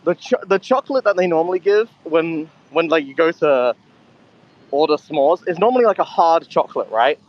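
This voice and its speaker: A man's voice: fairly high pitch, animated, moderate pace, lo-fi sound. A man telling a rambling story in casual chat, swearing often, speaking from a convenience store. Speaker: co-host of a live audio chat.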